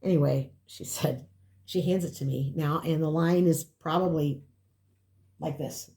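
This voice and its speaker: A woman's voice: low-pitched, measured pace. An older woman telling a story in casual chat, acting out what people said. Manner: animated storyteller, acts out quotes.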